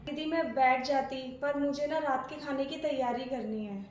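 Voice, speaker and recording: A woman playing a polite, quiet, dutiful young daughter-in-law who speaks softly in a family skit. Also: high-pitched, steady tone, normal speed, slight background noise, natural voice. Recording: echoey room.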